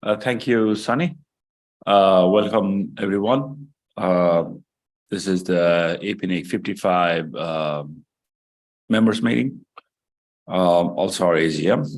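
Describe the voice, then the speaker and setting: Low-voiced man chairing a meeting. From Nepal. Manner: hesitant, many fillers. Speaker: council chair opening a members meeting. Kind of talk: unscripted meeting address.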